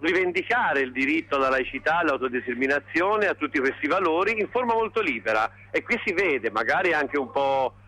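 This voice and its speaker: A man's voice: a little high, animated, fairly quick, hardly any pauses, sharp tone, soft background music, low-quality recording. A young man heard over the phone, reporting live into a radio show from a street march, earnest, with restarts and long lists.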